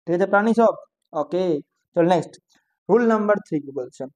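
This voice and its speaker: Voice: medium pitch, expressive, fairly quick, darkish tone. A teacher giving a casual online grammar lesson, mixing English terms into the explanation and repeating each point as a question to the students. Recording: dull lo-fi recording.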